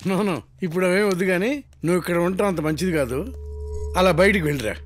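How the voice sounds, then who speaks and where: An actor playing a stern middle-aged uncle figure who speaks in a firm, commanding way. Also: male voice, sits high, lively intonation, fast talker, slight background noise. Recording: film soundtrack with music behind.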